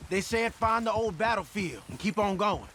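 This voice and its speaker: Young American outlaw, eager and earnest, animated delivery, Western game, nature and hoofbeats behind. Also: male voice, high voice, normal speed, a little hiss or hum. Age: young adult. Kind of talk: video game voice acting. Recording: outdoor nature and horse sounds behind.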